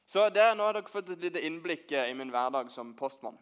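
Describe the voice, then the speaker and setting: A man's voice: a little high, animated, clean tone, lightly acted. A man playing an impatient postman in a children's church skit, joking and chatting with the kids. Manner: playful, chatty, addressing children. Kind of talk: children's church role-play.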